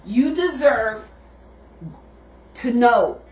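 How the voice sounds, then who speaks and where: Middle-aged woman vlogger, unhurried chatty delivery, roomy dull sound from a distant camera. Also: on the high side, lively intonation, darkish tone. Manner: slow, repetitive, chatty, addresses viewers as y'all. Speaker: vlogger, mother. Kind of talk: casual direct-to-camera talk.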